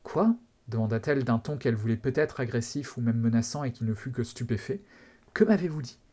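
A podcast host reading a novel excerpt aloud in a steady, measured way. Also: male voice, mid-range voice. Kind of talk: dramatic read-aloud narration.

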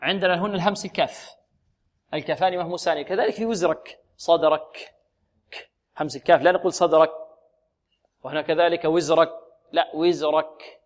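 A man teaching Quran recitation, asking students questions and repeating each word slowly for them to copy. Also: sits high. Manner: drills pronunciation, repeats words slowly, asks students questions. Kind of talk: tajweed lesson with recited examples.

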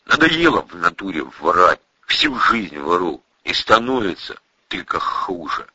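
A man reading a gruff, weary young tough who answers in short, rough slang in a storybook reading. The voice is husky and bright-edged, recorded dry and slightly dull. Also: low-pitched, very animated, measured pace, no echo, exaggerated voice. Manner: curt, rough slangy retorts. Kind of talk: audiobook character voice.

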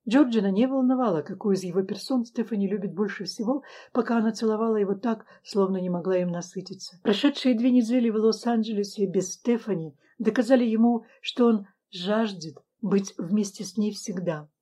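A woman narrating a romance audiobook in a measured, even reading style. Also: mid-range voice.

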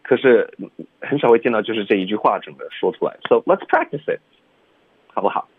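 A man teaching English pronunciation in a bilingual radio lesson, explaining slowly and switching between English and Chinese, sometimes stammering. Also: lowish voice, very animated, slightly rough, no room sound. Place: radio studio. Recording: dry phone-like radio sound.

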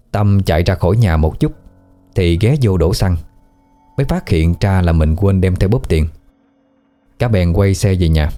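Deep-voiced man narrating. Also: warm tone. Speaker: storyteller. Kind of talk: scripted story narration.

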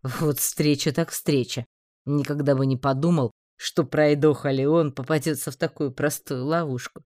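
A woman's voice: low voice, fairly even intonation, moderate pace, dark tone, no room sound, studio quality, natural voice. A woman voicing a composed, mocking man who is master of the house.

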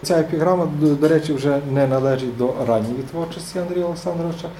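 A man's voice: a little high, fast, warm tone, slight background noise. A man giving an academic seminar lecture, hesitant, with many filler sounds and restarts. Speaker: seminar speaker. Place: seminar room. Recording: echoey room.

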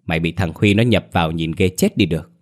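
A man's voice: deep voice, quick pace, lightly acted. A man voicing a blunt, shaken village boy talking to a friend in a ghost story.

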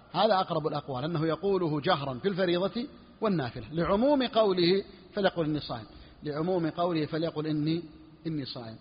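A man's voice: high voice, breathy edge, long reverb tail, muffled recording. A man, a sheikh, teaching a religious law lesson, explaining a text and repeating his key phrases for emphasis. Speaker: sheikh teaching a fiqh book.

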